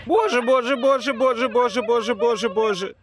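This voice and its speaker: Man dubbing a high-voiced panicking girl, mouth burning. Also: normal speed, noisy background. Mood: panicked, pained. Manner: distressed, mouth burning from spicy food. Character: panicking young woman with mouth burning from hot pepper. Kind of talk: amateur comedic voice-over dub. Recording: voice-over with clamour of voices behind.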